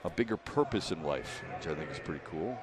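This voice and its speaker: A man announcing a live football game play-by-play, measured between plays and rising to excited calls on the big ones. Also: rumbling low.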